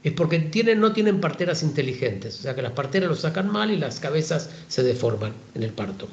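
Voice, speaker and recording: A man voicing an endlessly patient old male sage, speaking in a calm, fatherly way as he reads a story aloud. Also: on the high side, fairly quick, slight background noise. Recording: roomy, dull lo-fi sound.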